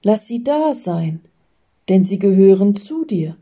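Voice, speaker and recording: A woman voicing a calm, patient female guide who gently instructs a doubting man. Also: medium pitch, measured pace, husky, full character voice. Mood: gentle.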